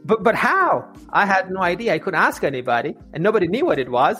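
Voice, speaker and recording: A man's voice: high voice, very animated, fast talker, pushed and bright, soft background music. A man, a life coach, telling his story as a guest in an interview, often repeating words and restarting sentences.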